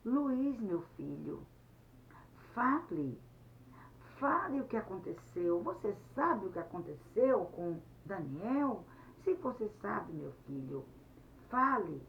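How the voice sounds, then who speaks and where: A woman voicing a gentle mother who coaxes her son to speak. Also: medium pitch, very animated, slow, gravelly, full character voice. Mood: coaxing. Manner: gentle, coaxing. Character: gentle worried mother of a boy. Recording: dull lo-fi sound, slightly distant, faint noise.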